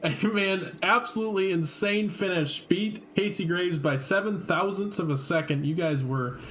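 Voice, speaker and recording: A man's voice: high voice, normal speed, a bit bright, a little hiss or hum. A man doing casual post-race interviews from a broadcast booth, upbeat and chatty, laughing often.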